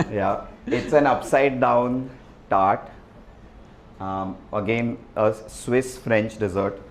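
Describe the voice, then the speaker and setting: A man giving a relaxed, chatty presentation to an audience, often asking "right?". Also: lowish voice, slow pace, a little hiss or hum. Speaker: restaurant founder giving a talk. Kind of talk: presentation with slides. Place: event hall with an audience. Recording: echoey hall, faint ambience.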